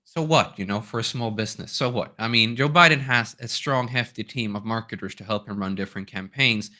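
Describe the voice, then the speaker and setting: A native Swedish speaker from Sweden appears as a guest speaker on domains, giving a conversational webinar presentation full of anecdotes and tagged with frequent "right?" check-ins. His voice is fairly low and fairly quick, with a pushed, bright tone.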